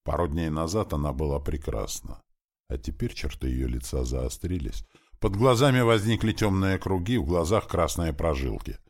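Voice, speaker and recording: Very deep husky male narrator. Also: normal speed. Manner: dramatic, expressive reading. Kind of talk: audiobook narration.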